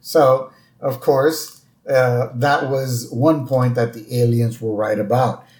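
A man co-hosting a podcast, chatting casually as he recaps a cartoon episode and slips into quick character voices. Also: medium pitch, steady tone, darkish tone, echoey room. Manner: retells scenes with quick put-on character lines. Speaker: podcast co-host.

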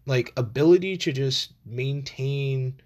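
A man's voice: medium pitch, takes it slowly, a little mellow. A man, hosting a solo podcast in an informal, meandering, slangy way. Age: 20s. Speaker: podcast host. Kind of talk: casual rambling solo chat.

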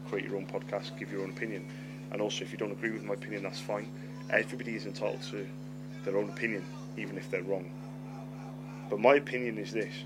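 A middle-aged man with a lowish voice, a lisp, and a stammer tells a story on his podcast, swearing freely and repeating words. The recording is rough, with loud music playing behind him.

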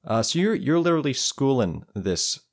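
A man's voice: mid-range voice, very animated, normal speed. A man running a tabletop game as game master, chatty and laughing often.

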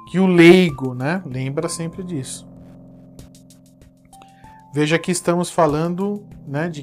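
A man with a Brazilian accent giving a casual spoken lesson in a conversational way, often ending phrases with a questioning tag. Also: fairly high pitch. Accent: Brazilian Portuguese. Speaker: teacher giving advice on online courses.

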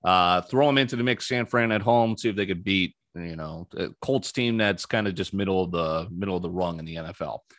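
Casting note: man hosting a betting show, low voice, dry close sound, chatty and opinionated. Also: fairly quick, hardly any pauses, a bit bright, dry recording. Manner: breezy, opinionated, frequent ums. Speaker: sports betting podcast host. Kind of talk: casual sports betting talk.

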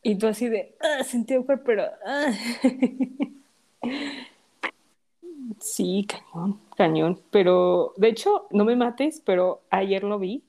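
A woman's voice: a little high, lively intonation, a little slow, mellow. A young woman, chatting casually as a podcast co-host, gushing and giggling as a fan. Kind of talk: casual chat.

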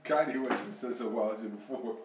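A man's voice: mid-range voice, a little fast, recorded from a distance. A man in casual chat, boisterous and laughing through the banter. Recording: echoey room, off-mic, faint noise.

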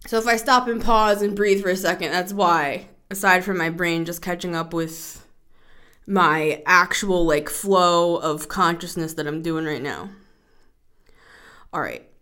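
A woman hosting a casual solo podcast, short of breath and taking deep breaths as she talks in a chatty, rambling way. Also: measured pace, pushed and bright. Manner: chatty and rambling, with frequent "like" fillers. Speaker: podcast host.

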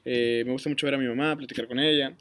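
A man's voice: medium pitch, steady tone, fast, fairly bright tone, a little hiss or hum. A young man with a Mexican accent, hosting a casual podcast chat, slangy and rambling, full of fillers. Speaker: podcast host.

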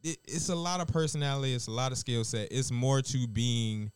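A man's voice: mid-range voice, steady tone, a little fast, smooth, dry recording. A man who works as a chef, chatting casually and bluntly with lots of swearing and laughter. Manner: blunt, profane, laughing often. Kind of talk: casual chat.

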